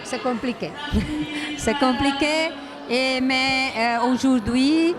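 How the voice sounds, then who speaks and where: Hesitant woman with foreign-accented French, slow delivery. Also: sits high, a crowd in the background. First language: not French. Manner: hesitant, searching for words in imperfect French. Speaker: interviewee, religious association secretary. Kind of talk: interview answers. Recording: loud music behind the voice. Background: loud music.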